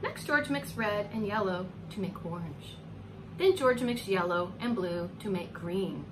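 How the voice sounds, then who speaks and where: A woman in her forties reads aloud to small children in the manner of a preschool teacher, unhurried and expressive at a medium pitch. She lingers on words and gently prompts her listeners with questions along the way. Noise is plainly audible in this home recording.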